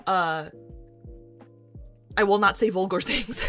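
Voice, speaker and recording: A woman's voice: mid-range voice, a bit bright. A woman psychiatrist chatting casually on a live stream, talking in circles and laughing often. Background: faint background music.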